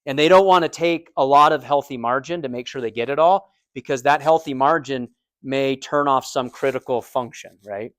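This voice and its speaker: A man's voice: medium pitch, normal speed, a bit bright, no echo. A man with an American accent teaching anatomy and physiology in a conversational lecture, explaining with everyday comparisons and checking in with his students. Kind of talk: recorded lecture.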